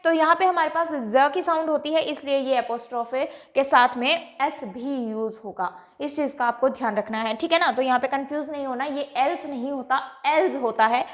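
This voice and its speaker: A woman teaches English grammar at the board. She repeats each point, stretches out the example words slowly, and keeps asking the class whether it is clear. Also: high-pitched. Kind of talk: classroom lecture. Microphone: writing on a board.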